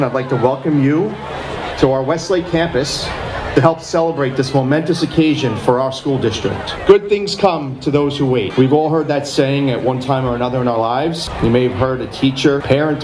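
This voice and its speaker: A man giving a formal podium speech as a school board president at an outdoor ceremony, measured and deliberately emphatic. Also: a little high. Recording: noisy outdoor public-address recording.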